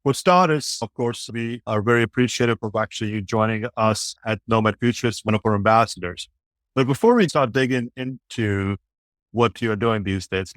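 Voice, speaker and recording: A man's voice: medium pitch, no echo. Polite male podcast co-host, dry sound. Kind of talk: podcast interview hosting.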